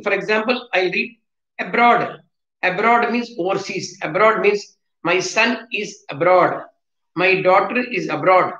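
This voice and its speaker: A man, teaching vocabulary in a slow, repetitive way and switching into Hindi to explain. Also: sits high, sharp tone. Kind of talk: classroom lesson on vocabulary. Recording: echoey room, dull lo-fi sound.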